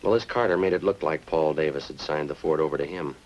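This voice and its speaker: In a noisy old-time radio recording, a man with an extremely low voice talks fast, sounding a little mellow with the highs cut off. He's an actor playing a methodical police sergeant in a 1950s radio crime drama, and his delivery is clipped, understated and matter-of-fact.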